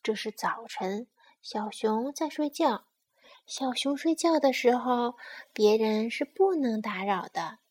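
Slow, gentle woman storyteller. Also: fairly high pitch, expressive, slightly rough. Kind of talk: bedtime story reading.

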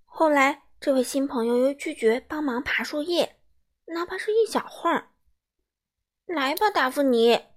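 A woman storyteller narrating a children's storybook in a gentle way, speaking to young children. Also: high-pitched, normal speed.

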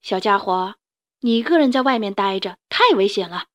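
A woman's voice: mid-range voice, lively intonation, moderate pace, a bit bright, lightly acted. A woman reading a storybook and voicing a kindly adult male ankylosaur uncle who gives earnest warnings.

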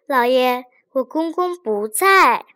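A clever young wife answers softly and evenly, never rattled, voiced by a woman storyteller. Her voice is light and high, the pace slow and measured. It belongs in a folk tale read aloud. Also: animated, dry recording, clean studio sound, heavily acted. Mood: sly. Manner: gentle, quick-witted, soft-spoken. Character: clever calm young daughter-in-law.

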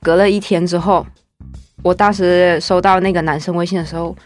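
A woman's voice: on the low side, fairly even intonation, a little fast, soft background music. A woman in her twenties casually telling her own story in the first person, chatty and wry. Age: 20s. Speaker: guest storyteller.

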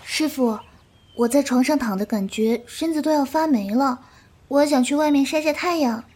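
In a Chinese period audio drama, a woman voices a gentle, affectionate young disciple who is an elder martial sister, speaking in a tender, coaxing, obedient way. Her natural voice sits high and moves at normal speed.

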